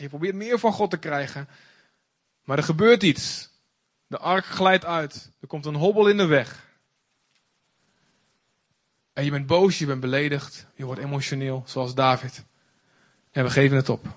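Fervent Dutch-speaking male preacher. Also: a little high. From Netherlands. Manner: passionate preaching with emphatic repetitions and quoted prayers. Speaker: pastor. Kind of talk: sermon.

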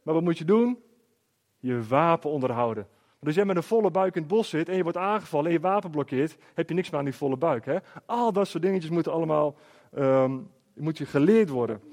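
Lively middle-aged man telling a story. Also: on the high side, brisk. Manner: lively, rhetorical, checks in with the listeners. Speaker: speaker. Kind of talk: storytelling talk to an audience.

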